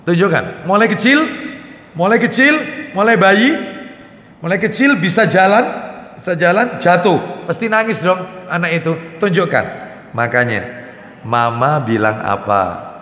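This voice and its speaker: A man preaches a religious study lecture with a high, lively voice. He jumps into little quoted voices of parents and children. His words ring through a roomy mosque hall with a long echo. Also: measured pace.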